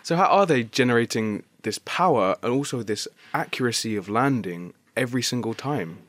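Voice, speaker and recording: A man's voice: mid-range voice, animated, moderate pace, fairly bright tone. A man working as a science reporter, putting prepared questions to a guest in an interview.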